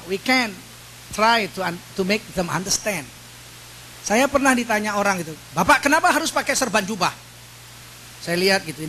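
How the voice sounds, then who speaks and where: Bright, high-pitched male preacher. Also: a little hiss or hum, low-quality recording. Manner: animated storytelling with acted quotes and sound effects. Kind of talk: mosque sermon with storytelling. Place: mosque.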